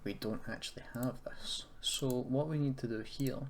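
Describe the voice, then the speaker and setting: Rambling through a software tutorial, the host thinks out loud and pokes fun at himself, his medium-pitched voice moving at a moderate pace. Keyboard typing, mouse clicks, and other background noise make the recording clearly noisy.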